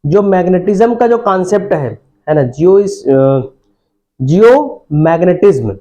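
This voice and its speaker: Playful male physics teacher, slightly high voice. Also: lively intonation, measured pace, dark tone. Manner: playful, drills words with the class. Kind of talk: classroom lecture. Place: classroom. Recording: muffled lo-fi classroom recording.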